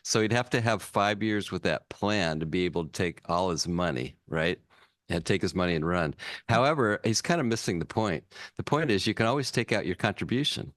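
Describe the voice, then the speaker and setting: A man with a fairly low voice talks through money rules on a podcast in an easygoing, plain way. The sound is dry and close. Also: lively intonation, a little fast, a bit bright, no room sound. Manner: easygoing, explains finance plainly. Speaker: co-host, financial advisor. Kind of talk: casual podcast banter.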